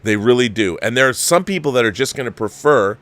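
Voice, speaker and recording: In a dry recording, a livestream host offers casual commentary on a film and replies to his viewers. His mid-range, fairly bright voice has lively intonation and moves a little fast, and he repeats phrases for emphasis and frequently restarts sentences.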